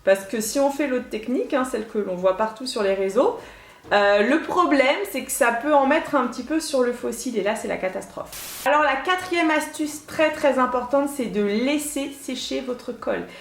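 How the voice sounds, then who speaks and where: Woman, beauty vlogger; high voice, casual chatty tutorial delivery; echoey room sound. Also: animated, normal speed. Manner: chatty, addresses viewers directly, with offhand asides. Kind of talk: makeup tutorial talking to camera. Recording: roomy echo.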